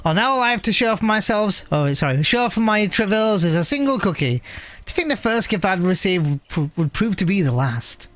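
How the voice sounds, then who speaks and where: A man voicing a gruff older male rival in a video game, grumbling and theatrical, over faint music. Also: high voice, big pitch swings, brisk, fairly bright tone, no echo.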